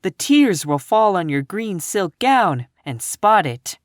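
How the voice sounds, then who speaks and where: A reader voicing a kind, fussy young maid, speaking high and urgent. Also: big pitch swings, slow pace, dry recording, studio quality.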